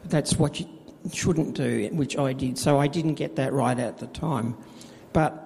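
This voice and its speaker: A middle-aged man tells his story of faith in a halting way, with many fillers and restarts, recorded in a church with a long reverb. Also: mid-range voice, vocal fry, darkish tone. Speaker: church volunteer administrator. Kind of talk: personal faith testimony in interview.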